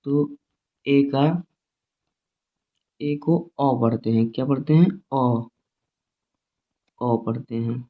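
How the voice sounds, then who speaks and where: A man teaching English phonics in a slow, repetitive classroom style, spelling words out letter by letter. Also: mid-range voice, fairly even intonation. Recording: tinny phone-like audio.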